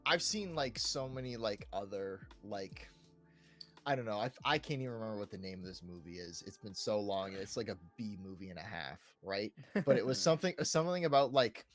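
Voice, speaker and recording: Speaking a little fast in an animated, lowish voice, this co-host of a video game podcast chats loosely and informally. His rambling talk is peppered with "like", "right" and "you know", and music plays in the background.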